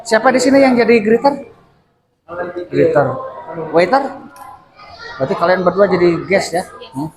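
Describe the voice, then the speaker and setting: A man's voice: high voice, animated, normal speed, pauses often. A man with a Sundanese accent teaching English in a classroom, coaching students and repeating words for them to drill. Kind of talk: classroom instruction. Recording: noisy classroom with chatter. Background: student chatter.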